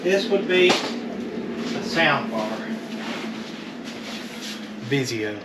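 Sorting through a metal storage unit indoors, a man chats offhandedly while unboxing, drawling and calling things slick. His mid-range voice is expressive and extremely slow. Loud clanking fills the background.

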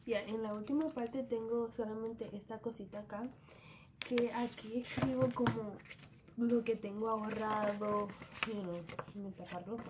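A woman's voice: on the high side, steady tone, a little slow, noisy background. A young woman from the Dominican Republic with a Dominican Spanish accent, chatting casually as she shows her planner, slipping English words into her talk, filmed on a phone in a small bedroom. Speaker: vlogger. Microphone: phone camera at arm's length.

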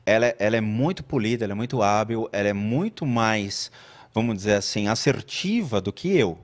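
A man chatting as a podcast guest, telling a story with lively delivery and acting out what others said. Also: fairly low pitch, fairly quick. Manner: animated storytelling, acts out quoted voices. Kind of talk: casual chat.

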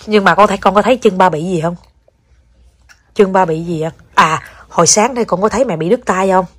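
A young Southern Vietnamese mother chats indoors at home for a casual family vlog, coaxing her child, talking to viewers, and slipping in English words. Her medium-pitched voice is a little fast and slightly rough, with no echo.

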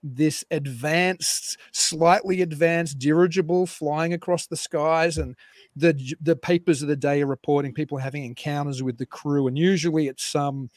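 A man guest historian explaining at length on a live call-in show, animated and digressive with frequent restarts. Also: on the high side, normal speed, no echo, studio quality.

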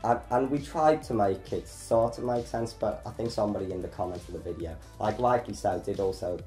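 A man's voice: on the low side, fairly quick, darkish tone. A young man hosting a casual behind-the-scenes chat about his film, chatty and self-deprecating. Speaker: filmmaker, channel host. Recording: roomy echo, faint music.

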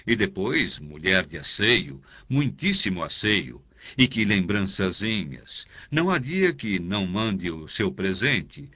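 A man's voice: low-pitched, very animated, takes it slowly, bright, forceful tone, muffled recording, exaggerated voice. A man voicing a pompous, self-satisfied older canon priest in an audiobook, speaking in a confidential, lingering way. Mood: smug. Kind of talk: audiobook character voice.

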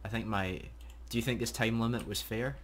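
A man's voice: lowish voice, fairly even intonation, fairly quick, fairly bright tone. A man playing an online military game, making short, casual tactical callouts to squadmates. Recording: noisy game voice chat, typing sounds.

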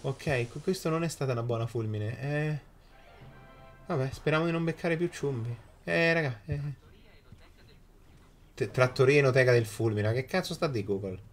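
A man's voice: a little high, lively intonation, normal speed, soft background music. A man, commentating a live mobile game emphatically, repeating phrases and swearing in exasperation. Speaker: game streamer. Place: small indoor streaming room.

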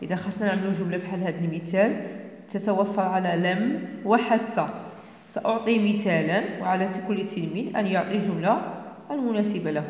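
A woman teacher with a Moroccan accent correcting a primary school exam, dictating slowly and repeating each word. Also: medium pitch, a little mellow. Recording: echoey room with long reverb.

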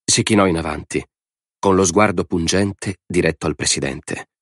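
A man narrating an audiobook in a measured, dramatic way. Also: low-pitched, dry recording, studio quality. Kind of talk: scripted narration.

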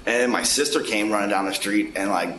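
A man's voice: lowish voice, fairly quick, echoey room, background noise. A man in his twenties telling a casual story indoors, rambling with lots of fillers. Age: 20s. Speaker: interviewee. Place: indoors, plain wall.

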